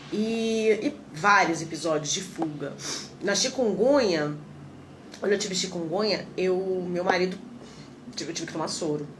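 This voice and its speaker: Lively Brazilian woman on a livestream. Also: lowish voice, measured pace, a little hiss or hum. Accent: Brazilian Portuguese. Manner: animated storyteller who acts out quoted people. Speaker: reiki practitioner. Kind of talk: casual livestream chat.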